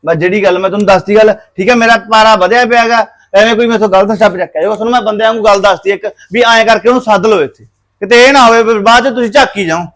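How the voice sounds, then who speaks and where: An actor playing a hot-tempered young brother in a family drama, insistent and repeating himself. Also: male voice, sits high, fairly even intonation, rapid-fire, fairly bright tone. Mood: angry insistent. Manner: insistent, repeats "theek hai?". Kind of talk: scripted family drama acting.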